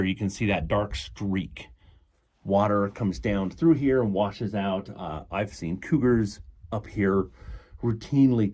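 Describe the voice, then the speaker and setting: A man with a fairly low voice presents a casual exploration vlog. He explains things informally and rambles a little as he goes. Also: a little mellow.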